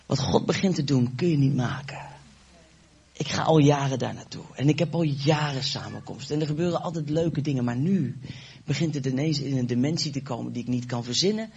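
A man preaching, telling a testimony and acting out the dialogue with animated energy. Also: mid-range voice, brisk, vocal fry, husky, dull audio. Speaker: evangelist preacher. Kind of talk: sermon testimony.

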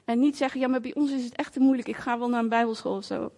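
A woman giving a sermon as a lively personal story, with many fillers, acting out voices and sounds in a conversational way. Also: on the high side, racing. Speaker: preacher.

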